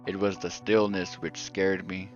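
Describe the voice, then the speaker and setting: A man narrating a scripted horror story in a slow, subdued and even manner. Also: deep voice. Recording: dull lo-fi audio, faint music.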